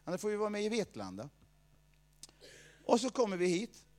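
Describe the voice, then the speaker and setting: A man preaching a sermon, telling a personal story, swinging between loud outbursts and low asides. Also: sing-song.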